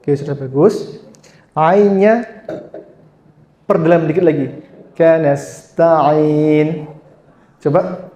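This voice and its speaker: A man's voice: a little high, very slow, pauses often, mellow, roomy sound, dull audio. A man teaching Quran recitation, drawing out sounds and explaining them patiently.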